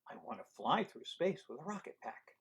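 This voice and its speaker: A man reading a picture book aloud as an eager young boy who dreams of outer space, in a wide-eyed, excited storybook voice. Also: on the high side, brisk, husky, pitched above the performer's own voice, exaggerated voice.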